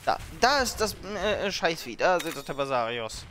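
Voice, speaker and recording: Higher-voiced man doing casual gameplay commentary. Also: very animated, moderate pace, noisy background. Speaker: let's player, streamer. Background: game music and sound effects.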